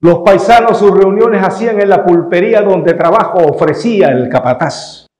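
High-pitched man grandly declaiming poetry. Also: moderate pace, a little mellow. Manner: dramatic storytelling, acting out dialogue. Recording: echoey bare room.

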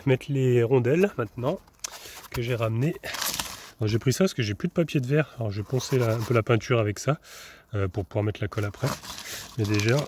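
A man's voice: medium pitch, noisy background. A young man chatting casually through a do-it-yourself build, filling his talk with fillers and restarts as he works, partly on a camper van roof outdoors. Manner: chatty, many fillers and restarts, talking while working. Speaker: vanlife vlogger. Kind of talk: casual DIY narration.

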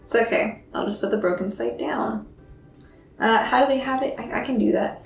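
A woman's voice: a little high, moderate pace, vocal fry, soft background music. A young woman in her twenties cooking in her home kitchen, chatting to the camera and thinking aloud in a self-deprecating way. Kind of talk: casual cooking vlog. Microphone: far camera. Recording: roomy kitchen sound from a distant camera.

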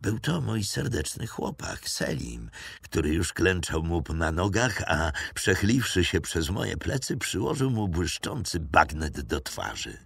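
A man narrating an audiobook in a measured storytelling manner, recorded close on a studio mic. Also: low voice, big pitch swings, creaky, fairly bright tone, husky, no echo.

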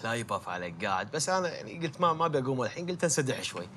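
An actor playing a respectful, dutiful young son in a TV drama, with a Gulf Arabic accent and a polite, deferential manner. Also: male voice, medium pitch, big pitch swings, racing, bright, forceful tone, a little hiss or hum. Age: young adult. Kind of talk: naturalistic TV drama acting.

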